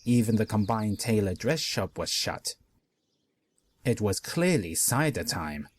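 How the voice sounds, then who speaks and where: A man narrating a pony fanfic story as a dramatic reading, expressive throughout. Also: lowish voice, a little slow.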